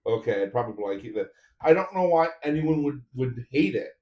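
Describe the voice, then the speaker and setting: A man's voice: mid-range voice, lively intonation, normal speed, muffled recording. A man streaming a 3D printer build, chatting casually with viewers while he assembles parts. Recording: roomy echo.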